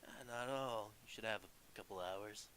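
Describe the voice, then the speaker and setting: A man's voice: fairly low pitch, moderate pace, a bit bright, clear, resonant tone, natural voice. Man doing a laid-back stoner guitar dude. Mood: mellow. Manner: drawling stoner voice.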